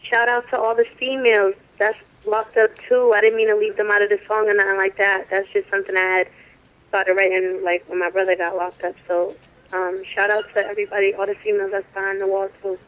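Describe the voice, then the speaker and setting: High-voiced man on a muffled phone line. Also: flat delivery, quick pace. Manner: laid-back, laughs easily. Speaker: caller, recording artist. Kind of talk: casual call-in chat. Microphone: phone call.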